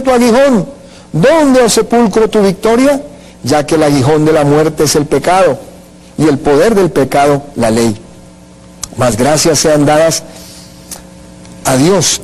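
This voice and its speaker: A man preaching sits high in his register. He delivers a Pentecostal sermon with emphasis and keeps calling on the congregation to repeat his words and answer his questions. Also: a little mellow, rough recording. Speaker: pastor.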